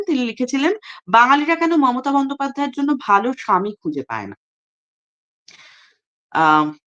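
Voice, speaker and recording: A woman's voice: a little high, a bit bright. A Bengali woman hosting an opinion show, speaking indignantly and emphatically with frequent hesitation fillers. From West Bengal, India. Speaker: commentary show host. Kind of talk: opinion monologue to camera.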